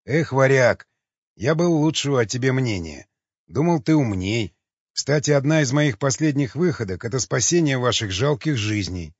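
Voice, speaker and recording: A man's voice: mid-range voice, lively intonation, normal speed, slightly rough, dry recording. A man voicing a cold, mocking cannibal mercenary in an audiobook, with a sarcastic, menacing delivery. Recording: dull lo-fi sound.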